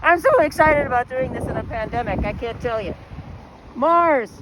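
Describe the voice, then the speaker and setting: A woman's voice: on the high side, animated, normal speed. A woman teaching a walking astronomy lesson outdoors on a campus, out of breath and explaining with enthusiasm. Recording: wind noise outdoors.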